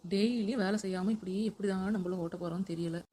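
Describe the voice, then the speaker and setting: A woman's voice: medium pitch, fairly even intonation, quick pace, dark tone, a little hiss or hum, lightly acted. A woman playing a lazy, scheming young wife who fakes tears in a comedy sketch. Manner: whiny, theatrical.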